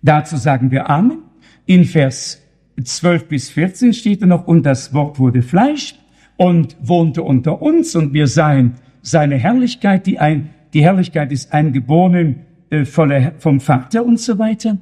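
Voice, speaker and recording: A man's voice: fairly high pitch, sing-song, measured pace, mellow, breathy edge. A man preaching a sermon, reading scripture aloud and asking the congregation questions. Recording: long hall reverb.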